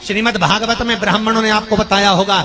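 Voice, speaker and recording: A man giving a devotional sermon, telling stories and acting out the gods' words, his voice swinging between loud and soft. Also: high-pitched, fairly even intonation, fast, crowd noise. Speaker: kathavachak preacher.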